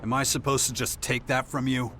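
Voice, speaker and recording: A man's voice: medium pitch, flat delivery, brisk, pushed and bright, faint music behind, lightly acted. A man playing a blunt, distrustful fighter chafing under orders in a video game, terse and sardonic. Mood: distrustful, irritated. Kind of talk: video game dialogue acting.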